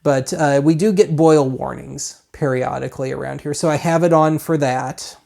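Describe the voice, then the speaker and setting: Hosting a gadget review show, an American man gives a casual, rambling walkthrough full of colloquial, self-deprecating remarks. His voice is slightly high, creaky and a bit mellow, with a steady tone and moderate pace.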